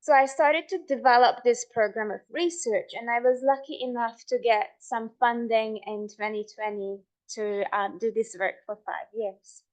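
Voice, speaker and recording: Woman from Hungary, academic talk, a bit high voice, measured with ums. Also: steady tone, darkish tone. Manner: measured, with frequent ums and restarts. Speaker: researcher presenting her work.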